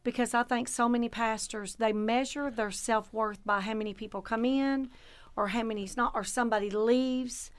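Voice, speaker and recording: A woman pastor tells a faith story with lots of energy and exclamation. Her voice sits a little high, and she often breaks into laughter between points. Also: steady tone, moderate pace, clear, resonant tone. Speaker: pastor, guest. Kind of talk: faith talk, preaching testimony.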